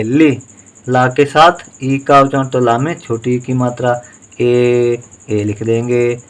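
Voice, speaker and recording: A man teaching handwriting, slowly sounding out each syllable and vowel sign in a patient dictation. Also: mid-range voice, a bit bright, smooth. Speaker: Hindi writing teacher. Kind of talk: slow spelling dictation lesson.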